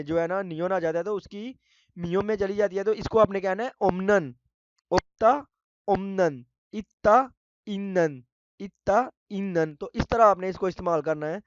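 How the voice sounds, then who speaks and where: A man teaching a language lesson to viewers, calling them friends and repeating words slowly. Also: sits high, darkish tone, clean tone, no room sound, dull audio.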